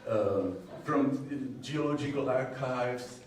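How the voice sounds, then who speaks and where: Slow, halting Czech-accented man in echoey room. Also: mid-range voice, a little mellow. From Czech Republic. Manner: hesitant, halting delivery with frequent long pauses. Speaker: conference presenter, university groundwater modeler. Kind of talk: technical conference presentation. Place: indoor presentation room with strong echo. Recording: echoey hall, distant mic, faint noise.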